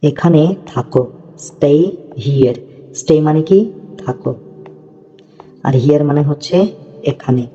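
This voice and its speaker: Guy teaching english real slow and patient, deep mellow voice, kinda muffled and echoey. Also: fairly even intonation. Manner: patient, repeats words, often checks understanding. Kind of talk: slow explanatory lesson. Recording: dull lo-fi audio with long reverb.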